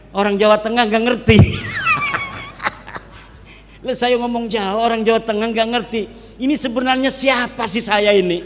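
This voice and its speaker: Man, cleric lecturing in a large hall, high voice, joking, long hall echo. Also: slight background noise. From Banten, Indonesia. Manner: joking, lively, drops into regional dialects. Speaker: Islamic cleric speaking at a public gathering. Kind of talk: public religious lecture.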